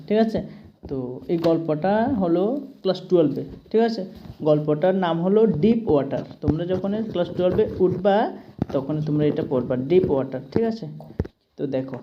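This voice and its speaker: A woman with a Tripura Bengali accent teaches English grammar in a patient, step-by-step way and often stops to ask whether her students understand. Her voice is recorded slightly dull, with a faint hiss underneath. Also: fairly low pitch. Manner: patient, keeps checking understanding with "ঠিক আছে?".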